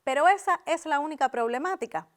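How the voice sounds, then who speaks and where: A woman's voice: high voice, expressive, a little fast. A woman presenting a scripted broadcast programme introduction. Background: music.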